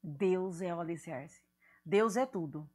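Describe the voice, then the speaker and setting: A woman pastor, chatting in an interview, animated and laughing often as she acts out what people said. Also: fairly low pitch, slow pace, husky. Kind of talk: casual church interview, storytelling.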